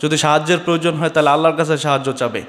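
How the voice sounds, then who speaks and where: A man's voice: fairly high pitch, fairly even intonation, rapid-fire, fairly bright tone, in a large hall. A man preaching a sermon on a microphone, exhorting his listeners and asking them rhetorical questions.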